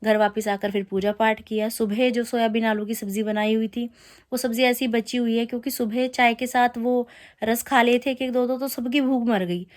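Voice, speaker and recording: A woman's voice: on the high side, steady tone, moderate pace. A woman in her thirties chatting through a family vlog, telling the day's story with teasing complaints. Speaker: family vlogger. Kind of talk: casual vlog narration.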